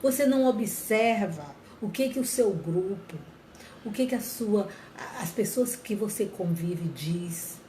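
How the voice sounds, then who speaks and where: In an echoey room with faint ambient noise, a woman speaks slowly yet animatedly in a mellow, mid-range voice. Her sincere, reflective talk on mental health to viewers is full of repetition and rephrasing.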